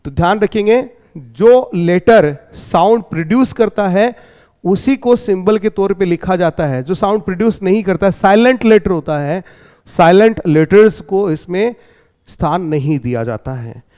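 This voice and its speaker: An Indian man teaching an exam-prep English lesson, explaining step by step and often asking whether it is clear. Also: high-pitched, animated, a little slow, mellow. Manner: explains step by step, checks in with 'clear?'.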